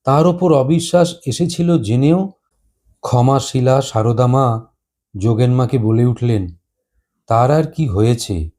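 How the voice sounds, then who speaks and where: Mellow-voiced male devotional storyteller. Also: mid-range voice, slow pace, long pauses. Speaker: narrator.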